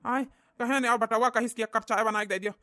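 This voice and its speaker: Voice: mid-range voice, fairly even intonation, a little fast, bright, forceful tone, no room sound, clean studio sound, close to an everyday voice. A voice actor playing a self-pitying old village husband, complaining plaintively in a cartoon comedy. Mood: lamenting.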